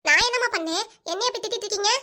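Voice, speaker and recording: A woman's voice: extremely high pitch, rapid-fire, pushed and bright. A woman voicing a sulky little girl who talks back, in a whiny, defiant way, with a southern Tamil accent.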